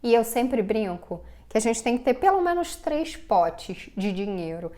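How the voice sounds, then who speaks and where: A woman with a Brazilian Portuguese accent delivers a scripted, direct-to-camera personal finance lesson, addressing the viewer and acting out their doubts. Her voice is slightly high and dark in tone, with lively intonation and a somewhat slow pace.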